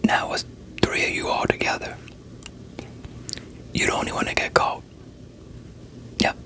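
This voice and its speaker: This whispered role-play features a performer as an experienced police interrogator, working on a suspect through coaxing and pressure in a sceptical, streetwise manner. The pace is measured and the tone bright and forceful, with a sceptical, pressing mood.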